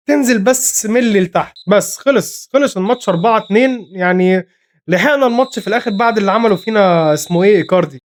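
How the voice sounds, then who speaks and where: Egyptian male gamer commentating his own match, very fast, high voice, excitable, scolds his players, slightly hoarse. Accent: Egyptian Arabic. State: voice getting hoarse. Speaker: gaming commentator. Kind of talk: live gameplay commentary.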